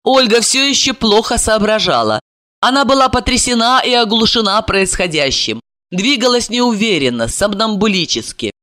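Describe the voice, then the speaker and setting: An audiobook narrator reading a scripted story with expressive, lively intonation that rises and falls a lot. The voice is close to the microphone, with a dry, dead sound and no room echo. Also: mid-range voice, normal speed.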